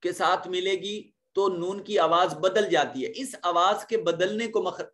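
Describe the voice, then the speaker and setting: Fairly high-voiced man teaching tajweed. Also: a bit bright. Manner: explains step by step with fillers; slow drawn-out chanted recitation. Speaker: Quran teacher. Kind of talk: Quran recitation and tajweed lesson.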